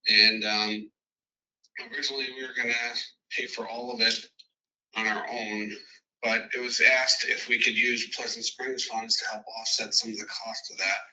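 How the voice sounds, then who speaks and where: A man, a fire chief, heard on speakerphone and reporting to a committee meeting, halting with frequent ums and restarts. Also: on the low side, level tone, bright, forceful tone, a little hiss or hum. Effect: heard over a phone on speakerphone. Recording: distant speakerphone sound in a meeting room.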